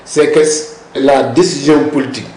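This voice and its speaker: At normal speed and a little mellow, a mid-range male voice carries a language policy expert's long explanations in a discussion interview. He insists on his points and cuts in with repeated words. The echoey recording has a little hiss or hum.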